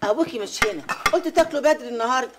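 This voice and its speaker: A caring mother, played by an actress in an Egyptian film drama, soothing and motherly. Her Egyptian voice is high and quick. Faint kitchen clinks sit behind her. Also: lively intonation, noisy background, natural voice. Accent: Egyptian Arabic.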